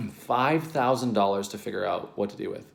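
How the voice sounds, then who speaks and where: A man's voice: lowish voice, expressive, normal speed, creaky, echoey room. A man, a relationship coach, talking earnestly to camera in a casual vlog, rambling and correcting himself with many ums, sometimes getting worked up.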